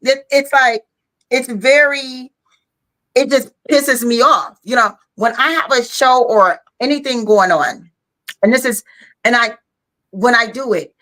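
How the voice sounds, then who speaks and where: A woman's voice: fairly high pitch, measured pace, a bit bright. A woman co-hosting a podcast in casual chat, frank and talkative, tired and yawning after a long day. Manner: frank, talkative, peppered with "you know". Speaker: podcast co-host.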